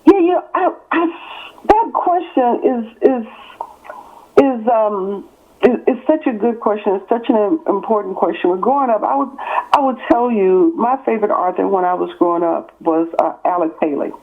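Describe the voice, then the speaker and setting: A woman in her sixties, an author born in California and raised in East Texas, speaks as an interview guest on a call. She is emphatic, building her points through repeated parallel phrases, with a medium pitch and normal speed. The phone line sounds tinny.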